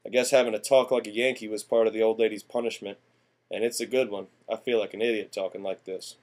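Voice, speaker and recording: Folksy 1890s country fellow played by a man, lowish voice, rambling homespun talk, class-project monologue. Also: steady tone, fast talker, a little mellow, close to an everyday voice. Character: folksy 1890s small-town Missouri man, time-displaced. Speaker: student presenter in character.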